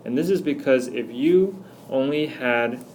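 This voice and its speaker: A man's voice: mid-range voice, a little mellow, slight background noise. Patient man teaching over slides. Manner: patient, explanatory, slows down on examples. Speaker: Spanish teacher. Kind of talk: recorded slideshow lesson.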